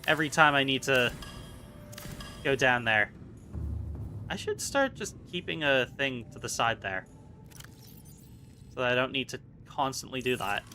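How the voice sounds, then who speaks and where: A man talking through a game as he plays, thinking aloud and poking fun at himself. His voice is bright and fairly high, and his pitch swings a lot. Soft music runs behind him. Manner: chatty, self-mocking, thinks aloud. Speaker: gaming video host. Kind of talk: casual gameplay commentary.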